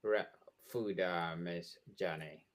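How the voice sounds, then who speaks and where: A man hosting a podcast interview, speaking slowly and repeating short affirmations. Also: low-pitched, steady tone. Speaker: podcast host. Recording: music playing behind the voice.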